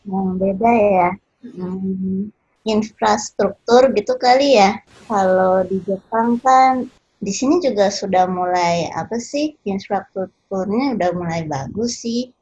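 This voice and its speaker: A woman chats casually at a slow pace. Her voice is mellow with a husky edge, and the recording sounds a little dull. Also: mid-range voice. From Indonesia and Japan. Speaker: guest. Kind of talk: casual discussion.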